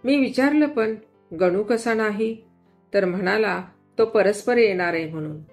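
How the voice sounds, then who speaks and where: A woman storyteller reads a tale with lively expression. She changes pitch and loudness for each character, and a soft guitar plays faintly behind her voice. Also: a little slow. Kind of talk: Marathi story reading.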